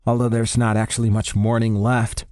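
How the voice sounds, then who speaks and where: A man's voice: medium pitch, level tone, normal speed, a little mellow, no room sound, studio quality, close to an everyday voice. A man voicing a curious, mild-mannered young male housemate in an audiobook.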